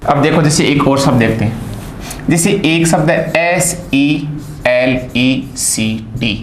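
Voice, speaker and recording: A man teaching a phonetics lesson, spelling words out and repeating each sound slowly. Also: a little high, slight background noise.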